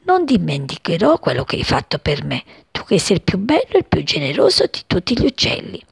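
A woman voicing a wounded little female sparrow in a children's story, high and pleading. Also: huge pitch swings, fairly quick, gravelly, slightly rough, no room sound, clean studio sound, exaggerated voice. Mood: grateful.

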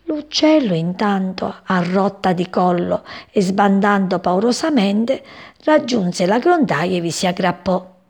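A woman telling a children's story at an unhurried pace, her voice lively and full of pitch changes. The tone is gravelly and slightly husky, and she dips into quiet whispers at tense moments. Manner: expressive, gentle, unhurried.

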